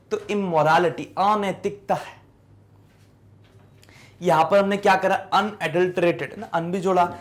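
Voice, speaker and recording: A man teaching English spelling in a class lesson. He keeps asking his students questions and answers them himself, and he sounds out words slowly, one syllable at a time. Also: sits high.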